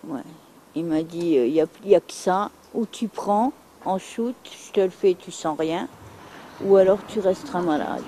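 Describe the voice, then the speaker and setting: Casting: middle-aged woman from France, candid testimony, blunt and emphatic, mellow tone, light background hiss. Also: on the low side, normal speed, rough recording. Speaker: interviewee.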